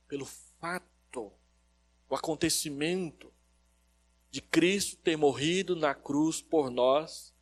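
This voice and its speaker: A man with a Brazilian Portuguese accent, a pastor giving an expository sermon at a church service, telling stories and questioning the congregation, moving between loud emphasis and soft phrases. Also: on the high side. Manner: storytelling preacher who quizzes the congregation.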